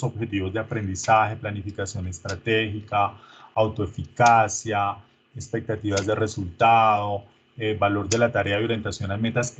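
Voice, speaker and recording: In an online rehearsal, a teacher with a lowish, husky voice coaxes his students along casually. He keeps using diminutives.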